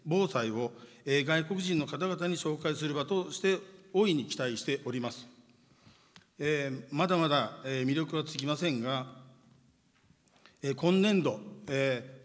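A man, a city mayor, gives a formal ceremonial speech, measured and dotted with drawn-out filler sounds. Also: a little high. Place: large conference hall. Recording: long hall reverb.

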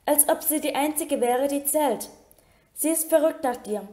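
A woman voicing a spirited young woman in a storybook reading, pressing her point with lively questions. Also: high-pitched, a little slow, pitched above the performer's own voice. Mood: doubtful.

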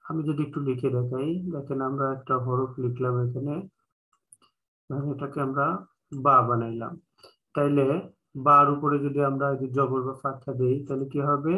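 A man with a Bangladeshi Bengali accent, teaching an online class in a patient way, repeating each point slowly with many filler sounds. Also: medium pitch, pushed and bright, rough recording. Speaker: Quran reading teacher. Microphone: online call.

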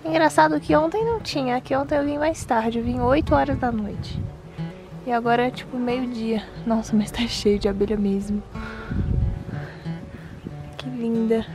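A woman's voice: a little high, steady tone, normal speed, pauses often, music in the background. A young Brazilian woman with a Brazilian Portuguese accent, chatting casually to camera in a windy park and cooing at her baby. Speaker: vlogger mother. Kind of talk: casual outdoor vlog.

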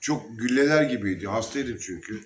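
A man's voice: medium pitch, normal speed, slight background noise. A man earnestly telling an emotional personal story at a Sufi lodge gathering, quoting the dialogue as he goes. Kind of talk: casual spoken testimony.

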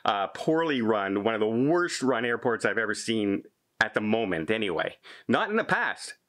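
A man's voice: fairly low pitch, very animated, normal speed, fairly bright tone. A man in his fifties from Canada, a travel vlogger telling an exasperated story straight to camera, gesturing as he retells an argument.

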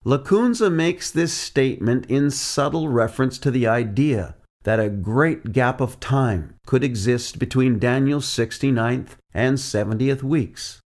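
In a mid-range voice with a darkish tone, a man gives a scripted teaching as a preacher. His delivery is slow and considered, and he recites quotations taken from his sources.

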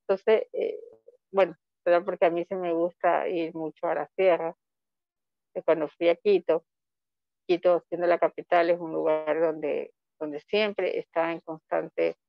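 A woman's voice: fairly low pitch, steady tone, measured pace, vocal fry, no room sound, lo-fi sound. A woman from Ecuador, a comic author, presenting her books in a rambling, chatty way with many restarts over call audio. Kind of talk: online book fair presentation.

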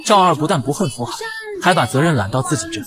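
A man retelling a television drama in brisk, lively narration. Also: a little high, a crowd in the background. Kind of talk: storytelling narration.

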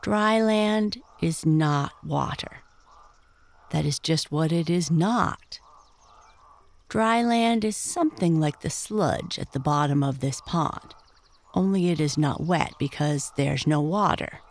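A storyteller slowly voices a pompous, bossy old male frog in a bedtime story, using a mid-range voice. The character speaks in a lofty, lecturing manner.

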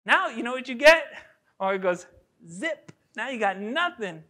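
A pastor preaching a sermon in a lively, conversational way, full of rhetorical questions and little acted-out quotes. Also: male voice, very high voice, moderate pace. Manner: acts out everyday quotes in voices. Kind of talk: expository sermon.

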